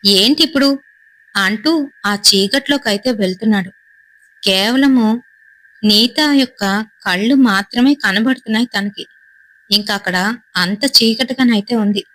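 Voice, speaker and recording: A woman narrating a horror story in a steady, suspenseful storytelling manner, in short phrases. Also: medium pitch, unhurried, long pauses, no room sound, rough recording.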